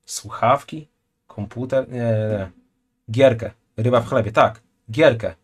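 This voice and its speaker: A man in his twenties with a voice of middling pitch chats loosely on a live stream, tossing out slangy jokes while he reacts to a video. He talks into a headset in a small room at home. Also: unhurried. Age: 20s. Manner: joking, chatty, loose slangy asides. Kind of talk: casual live-stream commentary.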